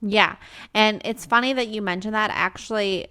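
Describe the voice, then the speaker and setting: A woman's voice: mid-range voice, normal speed, sharp tone, clear, resonant tone. A young adult woman co-hosting a podcast in casual chat, laughing often and filling with "like". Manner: laughs often, many "like" fillers. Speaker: podcast co-host.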